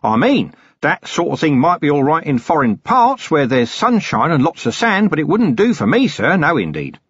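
A man pushes his voice up into a full character voice that sits on the high side, swooping wildly in pitch at a moderate pace and sounding slightly rough. He plays a cheerful, talkative old hermit who chatters eagerly and deferentially, rambling on and chuckling at his own jokes. The recording is dull, dry and lo-fi.

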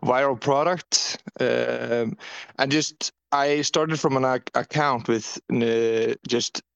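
A man from Iceland speaking in a halting way with many pauses, joining a casual online Q&A. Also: mid-range voice, steady tone, creaky, fairly bright tone, clean tone, dry recording. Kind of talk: casual conversation. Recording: dull, dry lo-fi line.

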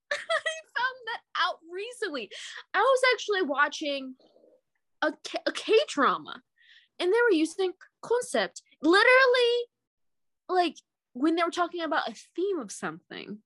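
A young woman co-hosting a podcast, chatting casually in an animated, giggly way with lots of fillers. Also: very high voice, normal speed, dry recording. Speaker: podcast co-host. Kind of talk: casual chat.

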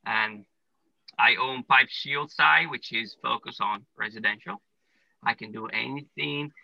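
This man from Italy, a plumbing business owner with an Italian accent, answers an interviewer casually and step by step, sprinkling in plenty of "uh" and "you know." His mid-range voice is gravelly and bright with a forceful tone, and he doesn't hurry. The recording has no room sound and is of low quality.

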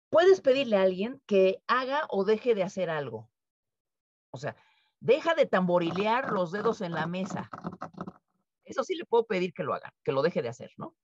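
Mexican woman presenter running an interactive webinar, animated with tag questions, over a dull, dry call line. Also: medium pitch, no echo. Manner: lively, acts out quoted speech, frequent tag questions. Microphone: video call.

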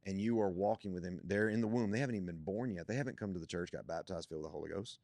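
A man's voice: low-pitched, racing, creaky, darkish tone, no room sound. A young man, a guest on a church podcast, talking about faith in an emphatic, preacherly way that builds to strong points.

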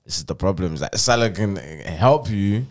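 A man's voice: deep voice, expressive, moderate pace. A young man with a London roadman accent, grumbling and repeating himself in slangy football chat as a podcast co-host. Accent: London, urban street slang style (roadman).

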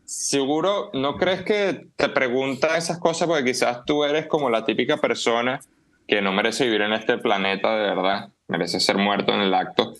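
A man's voice: mid-range voice, moderate pace, fairly bright tone. A man, co-hosting a casual podcast chat and teasing with mock-serious jokes. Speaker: podcast co-host.

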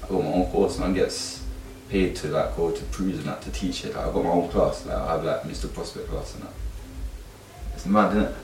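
A man's voice: low voice, fairly even intonation, a little fast, darkish tone. A man with a London accent chatting casually in emphatic street slang, like a youth mentor. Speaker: youth mentor and course teacher. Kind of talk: casual chat. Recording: roomy, distant mic, faint background noise.

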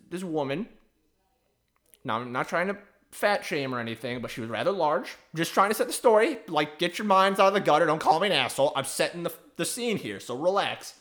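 A man's voice: on the high side, a bit bright. A young man hosting a podcast, telling a story in a rambling, wry, profane way. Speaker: podcast host. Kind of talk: casual storytelling.

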